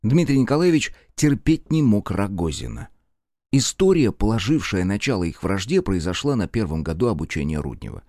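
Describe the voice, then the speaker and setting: A man narrating a story in scripted audiobook style, expressive and close to the mic. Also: fairly low pitch, normal speed, no room sound.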